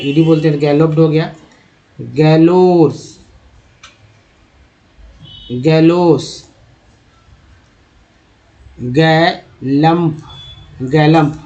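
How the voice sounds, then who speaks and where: Sounding out each word letter by letter and repeating it, a man gives a slow English reading lesson on word pronunciation. He has a fairly high voice with a dark tone, and the lo-fi recording is dull.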